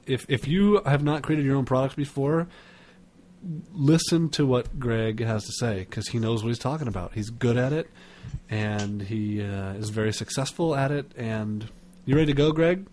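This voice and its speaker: A man hosting a webinar while sick, his voice stuffed-up and nasal, talking in a halting way with many restarts. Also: medium pitch, darkish tone. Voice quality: congested, nasal. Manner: halting, repeats words while searching for them. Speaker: webinar host. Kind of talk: casual webinar introduction.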